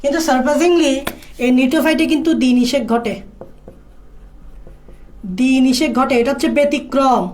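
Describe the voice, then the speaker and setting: High-voiced woman drilling exam points. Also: fairly even intonation, moderate pace, pauses often, a little mellow. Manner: repetitive, drilling key points. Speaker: biology tutor. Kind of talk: exam-prep lecture.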